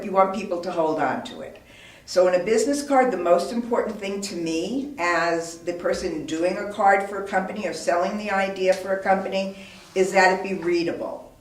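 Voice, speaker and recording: A woman giving an informal instructional talk as a business owner, offering practical advice in an emphatic way. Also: medium pitch. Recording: roomy, echoey, distant microphone.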